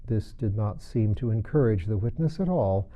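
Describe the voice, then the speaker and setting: A man reading a children's story aloud as an expressive narrator, on a dull recording. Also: fairly low pitch, normal speed. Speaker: audiobook reader.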